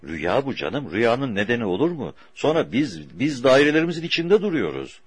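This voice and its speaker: Guy reading aloud doing a fed-up lady artist, pitched up, lively, keeps insisting. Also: a little fast, breathy edge, no echo. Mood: insistent. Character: puzzled, insistent woman artist recounting a dream. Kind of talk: audiobook reading.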